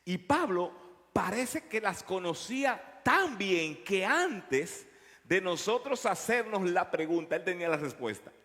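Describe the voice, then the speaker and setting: A man preaching a sermon, telling a story with animated delivery and frequent repetitions. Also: high voice, a little slow, big-room sound. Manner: storytelling, animated, repeats words. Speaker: pastor. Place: church.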